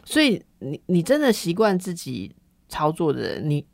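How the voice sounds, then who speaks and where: A woman hosts a casual chat in a low, gravelly voice. Her pitch moves a lot as she asks probing questions and drops little "ha" tags. The sound is close and dry. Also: wildly swooping pitch, moderate pace, a little mellow, no room sound. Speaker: host.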